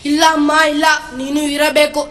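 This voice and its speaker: A woman's voice: high-pitched, completely flat delivery, normal speed, natural voice. A woman playing a defiant young male revolutionary in a school stage drama, speaking in a declamatory, consoling way. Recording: echoey hall from far off.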